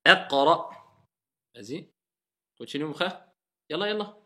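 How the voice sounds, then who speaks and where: Male classroom teacher, bright and fairly high voice, patient and encouraging, drags out words to demonstrate. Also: lively intonation. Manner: patient, repeats words slowly and drawn out to model pronunciation; encouraging, mixes French with Arabic words. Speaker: Arabic reading teacher. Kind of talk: classroom lesson, correcting students' reading.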